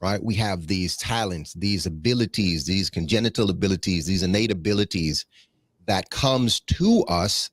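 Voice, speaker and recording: A low-voiced man from the Bahamas, a guest in a casual interview, speaks at a moderate pace in a reflective, rambling way full of fillers and restarts. He has a preacherly habit of citing scripture, and the studio sound is clean with no echo.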